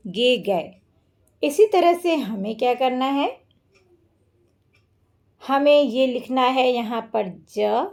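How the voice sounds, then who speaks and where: Woman teacher, slow and patient, gravelly voice with a slightly high pitch, walking through a workbook. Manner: slow, explains step by step. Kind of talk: workbook lesson walkthrough.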